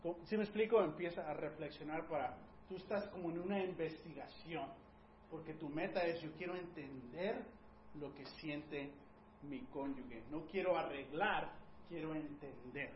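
A man with a somewhat high voice preaches to a congregation on listening in marriage. He turns to the audience with questions and acts out short exchanges between spouses. The sound is roomy and dull, with faint noise behind it. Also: normal speed. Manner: talks to the audience directly, acts out sample dialogues. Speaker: pastor teaching on marriage. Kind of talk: sermon-style teaching talk.

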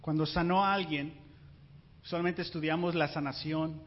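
Male pastor, high-pitched, animated sermon delivery, recorded in a reverberant hall. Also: moderate pace. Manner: animated, rhetorical questions to the congregation. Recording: muffled sound with long hall reverb.

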